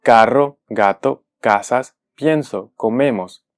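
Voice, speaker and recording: A man, a native speaker, giving a careful explanatory video lesson, often pausing to rephrase himself. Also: medium pitch. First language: Spanish. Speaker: language teacher.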